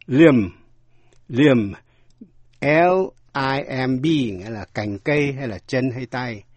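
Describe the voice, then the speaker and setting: Male teacher, slow and measured, a husky dry voice, spells words out for learners. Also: medium pitch, darkish tone, dry recording. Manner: spells words letter by letter, then translates. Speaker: English teacher. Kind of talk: slow spelled-out vocabulary lesson.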